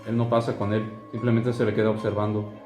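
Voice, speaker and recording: A man's voice: lowish voice, level tone, fast. A young man telling a horror story in a casual, conversational way, with fillers and asides. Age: young adult. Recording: roomy echo, soft music behind.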